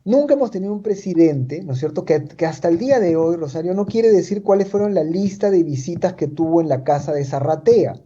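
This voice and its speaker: A man's voice: a little high, animated, fairly quick, hardly any pauses, mellow, breathy edge, muffled recording. A man from Chiclayo, Peru, with a Peruvian Spanish accent, giving political commentary as an analyst in an interview. He talks emphatically, repeats his points and tags them with rhetorical questions.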